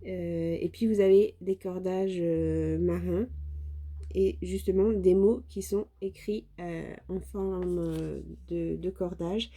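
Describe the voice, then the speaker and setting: A mellow, lowish voice with a steady tone and slow pace carries this French woman's casual craft haul. As a vlogger, she hesitates and stumbles often, leaning on fillers.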